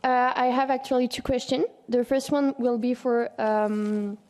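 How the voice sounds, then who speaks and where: A woman's voice: fairly high pitch, flat delivery, a little slow, a little mellow, a little hiss or hum. A young woman student asking a question at a seminar, hesitant with many fillers, English not her first language. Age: young adult. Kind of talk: audience question.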